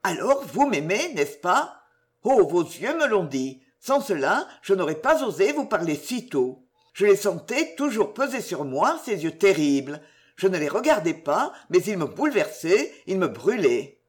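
A woman voicing an earnest young man in love in an audiobook, speaking gravely and tenderly. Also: on the low side, very animated, a little slow. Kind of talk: audiobook character reading.

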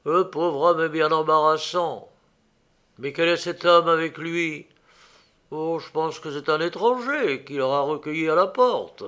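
A man's voice: on the high side, a little slow, sharp tone, smooth. A man reading an audiobook aloud, voicing an ardent young male inventor who speaks eagerly and with emphasis.

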